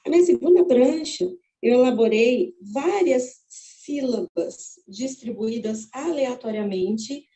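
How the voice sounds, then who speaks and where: A Brazilian woman teaching, walking slowly and methodically through a braille word activity and thinking aloud as she searches. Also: fairly high pitch, mellow, low-quality recording. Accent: Brazilian Portuguese. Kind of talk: step-by-step spoken demonstration.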